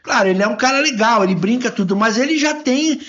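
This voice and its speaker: A man's voice: very high-pitched, lively intonation, fast talker, a bit bright, dull audio. A man hosting a podcast interview in a studio, chatty and friendly as he asks questions. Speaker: podcast host. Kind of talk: casual interview chat.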